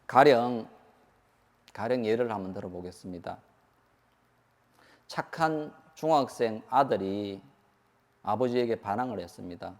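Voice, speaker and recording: A man's voice: lowish voice, unhurried, pauses often, darkish tone, long reverb tail. A man giving a Buddhist sermon. He keeps asking the audience questions and acts out the lines he quotes. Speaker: Buddhist monk preaching.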